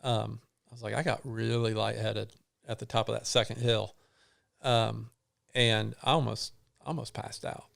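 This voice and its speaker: A middle-aged man, a guest on an interview show, telling a long personal story in a halting way, with many restarts and fillers. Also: lowish voice, level tone, vocal fry. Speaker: guest runner.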